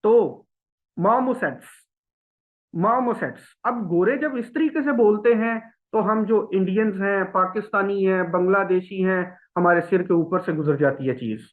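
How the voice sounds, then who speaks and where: Man teaching. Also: high voice. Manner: explains slowly, repeats words for drilling. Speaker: English test teacher. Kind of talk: classroom lecture. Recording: phone-like thin sound.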